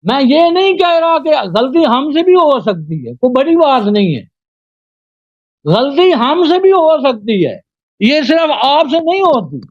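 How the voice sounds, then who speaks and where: A man debating religion live, slowly chanting Arabic invocations and then arguing pointedly. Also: extremely high pitch, big pitch swings, no room sound. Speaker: debater, Sunni cleric. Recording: dull, dry lo-fi audio.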